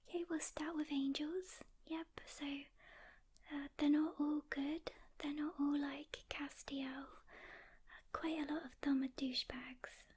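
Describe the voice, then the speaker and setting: In a soft-spoken ASMR roleplay, a woman plays a calm, weary demon hunter guiding a newcomer in a gentle, hesitant whisper. Her voice sits high, and her mood is calm and explanatory.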